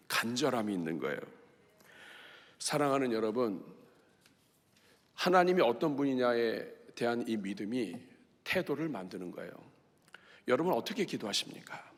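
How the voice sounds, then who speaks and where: A male pastor preaching a sermon with passion, acting out a beggar's cries in loud shouts. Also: mid-range voice. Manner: impassioned, acts out the blind man's cries with shouts. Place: large church sanctuary. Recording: long reverb of a large sanctuary.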